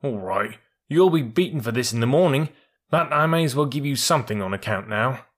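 A man voicing a gruff, bossy old male army mule in a storybook, scolding in a brisk way. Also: mid-range voice, expressive, natural voice.

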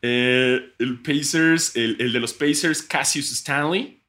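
A man's voice: mid-range voice, takes it slowly, pushed and bright. A young man with a Mexican accent co-hosting a casual sports podcast, joking crudely and swearing freely while recording remotely from home. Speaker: podcast co-host.

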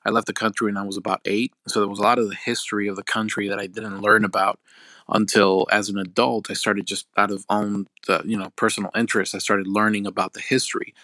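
A man's voice: lowish voice, level tone, quick pace, sharp tone, dry recording. A young man from Colombia leaving a casual recorded message, rambling a little with fillers. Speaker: listener suggesting an episode.

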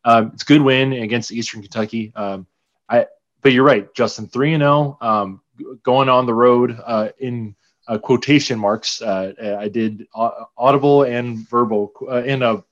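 A man of medium pitch co-hosts a sports podcast in a casual, rambling way, often hesitating. The audio is slightly dull and lo-fi. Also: steady tone, normal speed. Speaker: podcast co-host.

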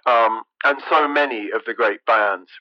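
A man's voice: medium pitch, a little slow, dry recording, lo-fi sound. A middle-aged man, a music journalist talking as a guest in an interview, thoughtful and hesitant, often restarting his sentences. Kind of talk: casual interview talk.

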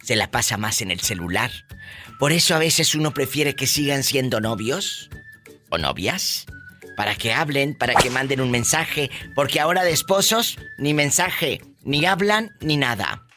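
A man's voice: medium pitch, expressive, normal speed, over music. A man hosting a live radio talk show, giving playful, sassy, theatrical advice to listeners from a studio. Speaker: radio host.

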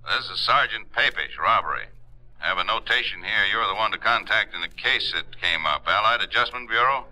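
A man's voice: fairly low pitch, animated, a little fast, sharp tone, rough recording. A man playing a terse, matter-of-fact police robbery sergeant in 1950s radio drama style. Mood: businesslike.

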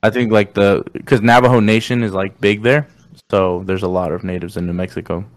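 Low-voiced young man, rambling casual chat. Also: fairly even intonation, fairly quick. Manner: rambling, slangy, says "bro" and "like" a lot. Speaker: podcast host.

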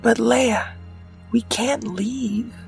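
A man voicing an eager little shark boy hero in a read-aloud story, speaking in a high, excited, breathless way. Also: extremely slow, vocal fry, exaggerated voice. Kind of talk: storybook character voice. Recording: voice a bit far from the mic, faint music.

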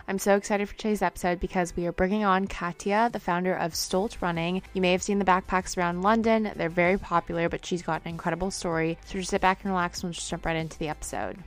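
A woman hosting a running podcast, enthusiastic and upbeat as she introduces and questions her guest. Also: lowish voice. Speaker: podcast host. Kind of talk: podcast interview.

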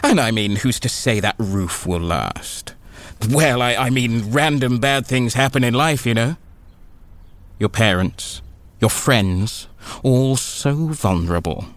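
A man's voice: medium pitch, slow pace, no echo, natural voice. An actor playing a sly, menacing male villain who taunts a boy with veiled threats in an audio drama.

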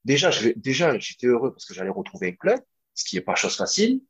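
A young man, a former footballer, telling a long story in a casual interview, animated, with lots of fillers and restarts. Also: mid-range voice, quick pace, gravelly, husky.

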